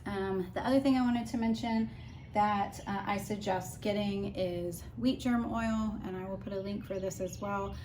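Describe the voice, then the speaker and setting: A woman talks in a casual, explanatory way, like a vlogger sharing advice with viewers. Her voice sits at an average pitch, and there is clear noise behind her. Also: fairly even intonation, normal speed, a little mellow. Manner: conversational, informal, explanatory. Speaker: vlogger giving a personal recovery update. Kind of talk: casual chat to camera with practical tips.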